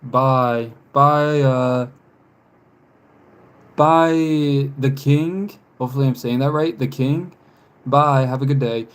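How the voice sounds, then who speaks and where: A man in his twenties chats casually on a live stream while drawing, taking his time and rambling slowly from point to point with frequent easy laughs. He reads chat messages aloud in a clear, resonant voice of ordinary middle pitch.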